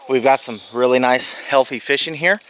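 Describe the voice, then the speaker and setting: A man's voice: mid-range voice, normal speed, fairly bright tone. A man hosting a casual fishing vlog outdoors by a lake, joking and coaching in a folksy way. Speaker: fishing guide and channel host. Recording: outdoor recording with background noise.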